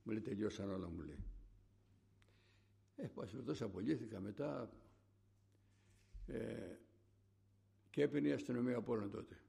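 A man's voice: medium pitch, lively intonation, creaky, long pauses, mellow. An older man recalling his younger days in a rambling, conversational storytelling style. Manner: rambling, conversational, acts out remembered dialogue. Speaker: storyteller recalling army service. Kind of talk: rambling oral-history storytelling.

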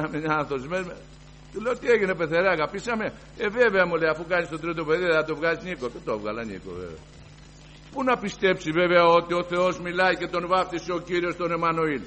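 A man giving a fervent personal testimony to a congregation, moving from hushed storytelling to loud declarations. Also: medium pitch, slight background noise, rough recording. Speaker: church member giving testimony.

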